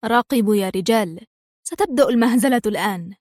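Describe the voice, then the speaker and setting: A woman's voice: on the high side, fast, a little mellow, dry recording, natural voice. A woman reading the lines of an arrogant, mocking rich man, in a dry, close recording. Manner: mocking and smug.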